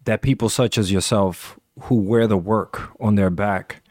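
A male show host addresses his guest earnestly, with long, flowing sentences of praise. His voice is lowish. The recording is dry and close, with no room sound. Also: darkish tone, no room sound. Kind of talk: interview hosting.

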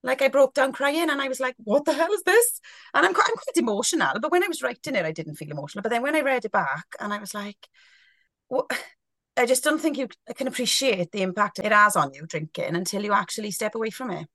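A woman's voice: a little high, expressive, fast talker, few pauses, bright, forceful tone, no room sound, clean studio sound. A woman, talking frankly and expressively as a podcast guest, often restarting her sentences. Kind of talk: candid podcast conversation.

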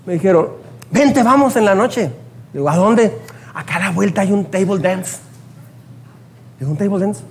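A man's voice: high voice, moderate pace, pauses often, a little hiss or hum. A man with a northern Mexican accent from Chihuahua, preaching a sermon and telling personal stories, acting out the lines of the people in them. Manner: animated, acts out quoted dialogue. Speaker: pastor.

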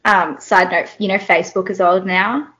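A woman's voice: mid-range voice, steady tone, normal speed, fairly bright tone, husky, muffled recording. A young woman co-hosting a podcast in casual chat, giving short reactions and joking along. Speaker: podcast co-host and listener.

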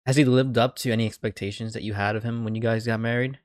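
A woman's voice: extremely low pitch, fairly even intonation, fast talker, a little mellow, no echo, studio quality. A woman hosting a podcast, joking and blunt in casual chat. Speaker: podcast host.

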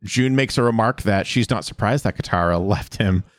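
Low-voiced man recapping episodes. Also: no room sound. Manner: retells scenes with quick voiced quotes and fillers. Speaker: podcast co-host recapping episodes. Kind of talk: casual chat, reading episode recap.

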